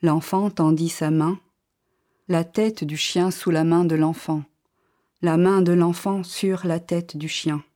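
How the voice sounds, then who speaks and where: Slow, calm woman reading a story. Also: on the low side. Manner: slow, calm, measured first-person reading. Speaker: narrator. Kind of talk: literary audiobook reading.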